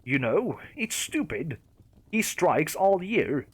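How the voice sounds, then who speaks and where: Guy narrator doing a teasing mouthy young woman, bouncy pitch, creepypasta story. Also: sing-song, slow pace, slightly rough, no echo, full character voice. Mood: blunt. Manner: teasing, blunt, wisecracking. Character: brash teasing young woman, diner date.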